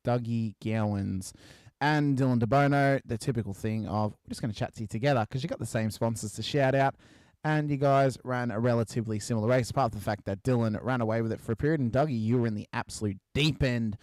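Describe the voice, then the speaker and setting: A man's voice: mid-range voice, brisk, a little mellow, no room sound, clean studio sound. An Australian man interviewing racers as a commentator, chatty and matey, generous with congratulations. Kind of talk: post-race interview.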